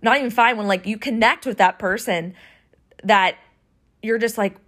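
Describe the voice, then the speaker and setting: A woman's voice: mid-range voice, normal speed, fairly bright tone. A woman hosting a podcast, talking earnestly about her past relationships in a reflective monologue, her voice emotional and near tears. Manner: earnest, emotional, wandering with many restarts. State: tearful, emotional voice. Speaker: podcast host.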